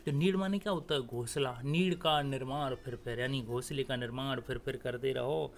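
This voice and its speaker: A man's voice: mid-range voice, moderate pace, a little hiss or hum. A man teaching Hindi grammar for exam prep, explaining step by step and speaking straight to his students. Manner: explains step by step, often adds "theek hai"; talks straight to students, coaxing.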